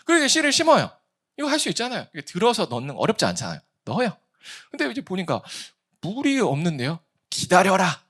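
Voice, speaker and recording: A man preaching a sermon as pastor, in a conversational way, asking the congregation questions and acting out the complaints he quotes. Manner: lively, acts out quoted complaints with big swings in pitch and volume.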